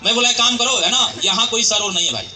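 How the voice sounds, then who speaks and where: Guy doing a motivational talk in a hall, super high bright voice, talks fast and acts out all the dialogue. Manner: animated, acts out quoted dialogue, calls out to the crowd. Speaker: motivational speaker at a sales meeting. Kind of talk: storytelling speech to a live audience. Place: large hall with audience.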